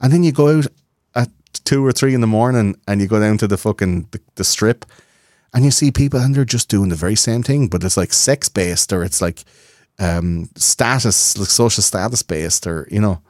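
Swearing Irish man, low voice. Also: moderate pace, dry recording, studio quality. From Ireland. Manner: swearing, animated, acts out quoted voices. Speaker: podcast guest. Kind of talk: casual interview chat.

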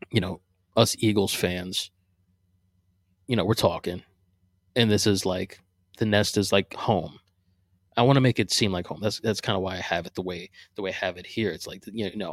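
A man's voice: fairly low pitch, no echo, studio quality. A man hosting his own podcast from his living room. He chats casually and rambles, with many fillers and restarts. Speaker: podcast host. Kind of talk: casual solo podcast chat.

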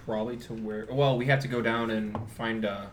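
A man's voice: on the low side, steady tone, a little fast, recorded from a distance, a little hiss or hum. A man playing a tabletop game, speaking hesitantly and casually. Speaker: player.

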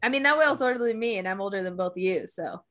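A woman co-hosting a casual podcast, chatty and quick to laugh. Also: mid-range voice, expressive, a bit bright. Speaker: podcast co-host, science researcher.

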